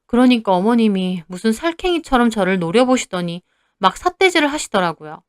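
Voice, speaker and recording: A woman's voice: on the high side, big pitch swings, a little fast, clean tone, no room sound, studio quality. A young woman narrating her own story in the first person, in a plain confessional way.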